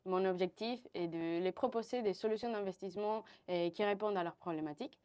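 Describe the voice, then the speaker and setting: A woman's voice: mid-range voice, fairly quick, mellow, clear, resonant tone. A woman in her twenties from Venezuela, answering interview questions with many fillers and restarts. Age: 20s. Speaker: partnership manager, guest.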